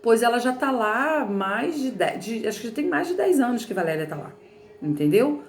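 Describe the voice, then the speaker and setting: A fairly high voice with big pitch swings and a normal pace echoes in a reverberant room. The speaker is a woman teacher from Rio de Janeiro giving a remote textbook lesson in Carioca Portuguese, chatty and explanatory, often using "né" and "tá bom."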